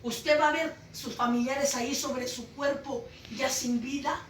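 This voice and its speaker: Woman preacher, Pentecostal testimony, shouts then hushes; recorded far off in a roomy space. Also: high-pitched, steady tone, a little slow, a little hiss or hum. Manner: impassioned, swings between shouting and hushed. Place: church home meeting. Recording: echoey room, voice from far off.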